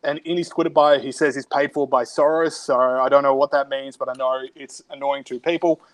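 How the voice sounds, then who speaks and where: A man's voice: medium pitch, fairly even intonation, fairly quick. A man with an Australian accent co-hosting a podcast, chatting in a wry, sardonic way from home. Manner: wry, sardonic, reads out tweets. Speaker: podcast co-host. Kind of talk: casual podcast banter. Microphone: remote recording from home.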